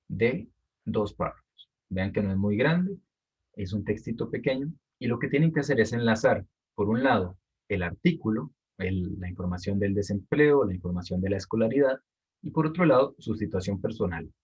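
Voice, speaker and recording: Male teacher, husky voice, lowish pitch, patient explaining, dull lo-fi audio. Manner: patient, explanatory, repeats key points. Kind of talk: explaining an assignment to students.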